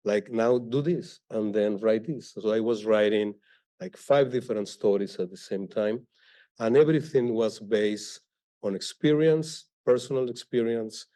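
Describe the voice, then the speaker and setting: A man speaking as an author on a live library panel, halting and searching for words as he talks. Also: fairly low pitch, mellow. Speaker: author on a panel, also teaches. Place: library event hall.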